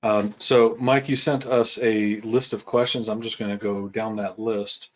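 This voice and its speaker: A man speaking as a panel guest in a measured, deliberate way. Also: on the low side, steady tone. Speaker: panel guest, pen tester. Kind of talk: panel discussion. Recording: dull video-call audio.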